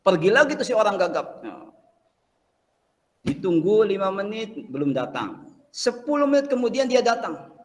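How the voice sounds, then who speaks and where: A male teacher talks to his class in a loose, chatty way, dropping fillers as he tells a story. His voice sits slightly high. A long reverb from the classroom trails his words. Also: big pitch swings, normal speed, pauses often.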